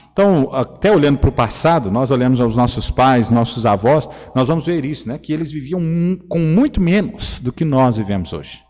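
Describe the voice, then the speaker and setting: A man's voice: high voice, a little mellow. A pastor delivers an earnest sermon in a somewhat raised voice, dotting his speech with "né." His words ring out with a long reverb, as if in a church hall. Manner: earnest preaching, frequent "né" fillers.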